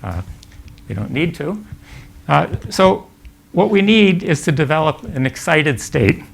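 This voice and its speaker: Older man lecturing, gravelly voice. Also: on the high side, lively intonation. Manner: halting, many fillers and restarts. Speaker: physics lecturer. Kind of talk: academic lecture. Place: lecture hall.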